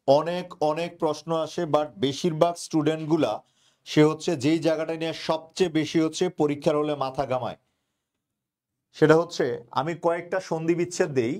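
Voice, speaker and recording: A young man teaching grammar, his voice sitting a little high for a man. He drills his students over and over, asking a question and then supplying the answer himself. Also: steady tone, brisk, a little mellow. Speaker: admission coaching teacher. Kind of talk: online grammar class.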